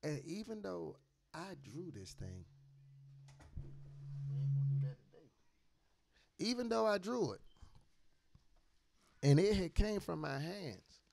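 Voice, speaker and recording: High gravelly radio guy telling a story, acting out the dialogue, cussing a lot. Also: slow, pauses often. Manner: animated, acts out quoted dialogue, swears freely. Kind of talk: casual storytelling monologue.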